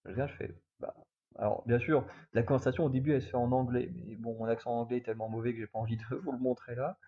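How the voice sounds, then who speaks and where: Young man from France, vlogger. Casual, rambling storyteller, slightly husky tone, lo-fi sound. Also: medium pitch, fairly even intonation, quick pace. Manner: rambling, many fillers and restarts.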